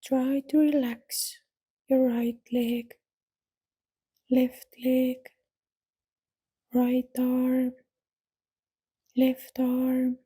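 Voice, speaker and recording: A yoga nidra guide leads a scripted deep-relaxation meditation at an extremely slow pace, leaving long gaps between short, gentle phrases. Her soft, breathy voice holds a very even, unchanging melody with a dark, relaxed tone, soothing and instructive.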